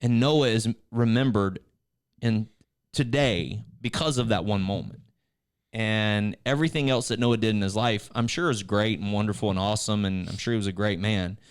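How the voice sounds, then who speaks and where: A man's voice: fairly low pitch, normal speed, clear, resonant tone. A man, co-hosting a casual church video chat, rambling with frequent restarts and turning encouraging. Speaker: church staff co-host.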